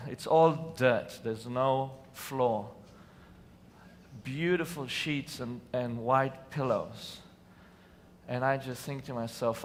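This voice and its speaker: A slightly bright, mid-range male voice with an Israeli accent recounts personal stories to a conference crowd. The Israeli speaker is earnest, with sudden bursts of emphasis, standing on a lit stage in a large hall. The audio carries far-off hall reverb and a faint room hum.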